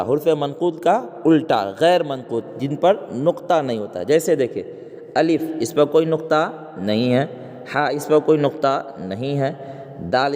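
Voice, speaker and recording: A man's voice: mid-range voice, a little mellow, big-room sound. A man teaching an exam-prep grammar lesson. He asks questions, answers them himself and counts the letters aloud.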